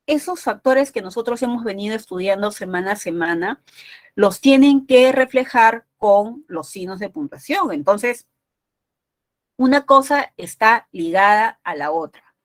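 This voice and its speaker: A woman's voice: mid-range voice, expressive, a little slow, no echo. A woman teaching a university entrance exam prep class, explaining patiently and often checking in with short tag questions.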